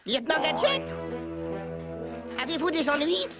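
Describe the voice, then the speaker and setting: A woman's voice: high voice, very animated, unhurried. A woman voicing a small, earnest, brainy cartoon robot who speaks in precise, technical phrases. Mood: concerned. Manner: precise, technical, formal wording. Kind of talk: cartoon acting. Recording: loud music behind the voice.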